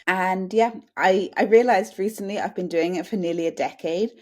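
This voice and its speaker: A late-twenties Englishwoman from a small Suffolk town chats as a guest on a podcast, telling anecdotes in a conversational interview. Her voice sits at medium pitch and moves at a normal speed.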